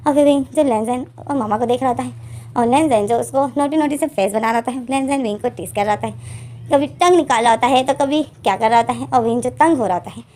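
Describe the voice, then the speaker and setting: High-voiced woman narrating a story. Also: fast talker, mellow. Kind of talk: retelling a fan-fiction story.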